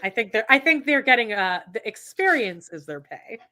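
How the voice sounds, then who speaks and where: Bright Canadian woman cracking sarcastic quips. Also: a little high, big pitch swings. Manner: quick agreeing quips, sarcastic. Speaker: podcast co-host. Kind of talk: snarky casual watch-along chat.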